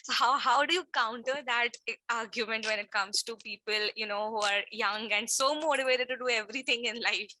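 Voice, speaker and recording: A woman's voice: a little high, fairly quick, hardly any pauses, sharp tone, no echo. A woman in her late twenties with an Indian English accent, co-hosting a podcast and posing questions in a conversational way, full of "you know". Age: late 20s. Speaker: podcast co-host.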